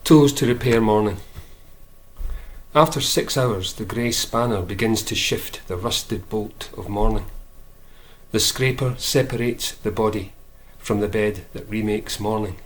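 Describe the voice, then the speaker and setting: A man, a poet, reading his own poems aloud in a measured way, lifting his voice for emphasis. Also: fairly low pitch, slight background noise. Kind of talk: poetry reading.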